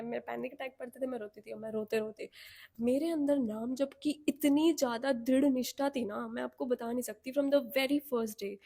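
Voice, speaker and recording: A young woman with an Indian accent telling a personal story to camera in a candid, animated, self-mocking way. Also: on the high side, slightly rough. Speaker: vlogger.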